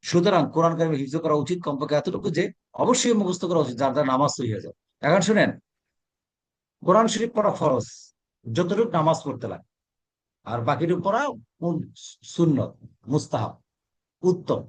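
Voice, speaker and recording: Man, Quran teacher, fairly high voice, call-and-response drilling, repeats answers. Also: lively intonation, brisk, long pauses, slightly rough. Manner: asks questions and repeats answers, drills pronunciation.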